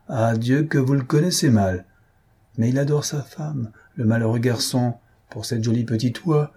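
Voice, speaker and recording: A man doing a wry gossiping gentleman. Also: medium pitch, breathy edge. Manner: mocking, half-joking asides.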